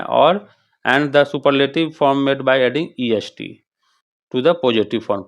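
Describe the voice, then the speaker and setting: Slow-talking male teacher. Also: mid-range voice. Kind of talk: explaining an English grammar lesson.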